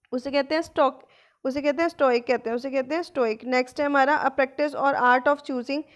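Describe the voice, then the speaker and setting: A woman teacher giving an online vocabulary lesson, mixing Hindi and English, posing questions and answering them herself, and reading English definitions slowly. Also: high voice, lo-fi sound. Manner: explains in Hindi mixed with English, asks and answers own questions. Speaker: exam-prep teacher.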